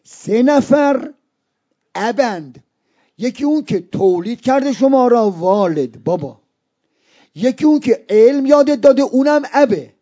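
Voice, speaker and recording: A male preacher giving a religious lecture to students, explaining slowly and repeating key terms, sometimes dropping to a hush. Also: extremely high pitch, lively intonation. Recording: dull lo-fi recording.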